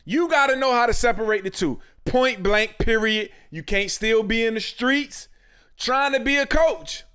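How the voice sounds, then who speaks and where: A man's voice: very high-pitched, moderate pace, bright, forceful tone, smooth. A man hosting a podcast, giving blunt, emphatic commentary full of street slang. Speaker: podcast host. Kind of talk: casual commentary.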